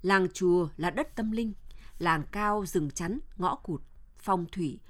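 A man's voice: sits high, takes it slowly, fairly bright tone. A woman reading the lines of a fawning, scheming male militia sergeant who speaks deferentially to his officer. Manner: deferential, eager to please.

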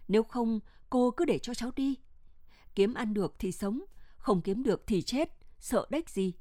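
A woman's voice: on the high side, expressive, moderate pace, mellow, dry recording, studio quality, close to an everyday voice. A woman doing a stubborn small girl. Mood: pleading. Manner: blunt and pleading. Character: stubborn, blunt little girl of nearly six.

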